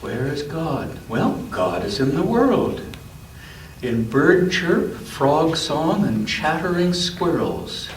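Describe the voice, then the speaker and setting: A very animated man with a slightly high voice reads a picture book to kids during church story time, pausing for side comments and questions about the illustrations. The spacious church interior echoes, the microphone is far off, and background noise is audible.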